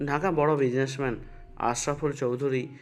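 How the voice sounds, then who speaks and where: Guy playing a serious officer, slow careful warnings, even mid voice, soft music under. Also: mid-range voice, lightly acted. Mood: grave. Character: middle-aged male police officer, caring and cautious.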